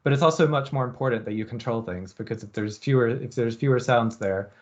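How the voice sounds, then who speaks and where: A man lecturing at a university, explaining experiment design in a relaxed way and thinking aloud with frequent ums. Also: medium pitch, brisk, dull audio.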